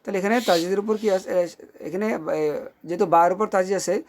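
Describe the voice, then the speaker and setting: A Quran reading teacher giving a recorded online lesson, patiently drilling syllables one by one and often asking if the listener is following. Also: mid-range voice. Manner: patient, checks in often with "okay?"; drills syllables slowly and clearly.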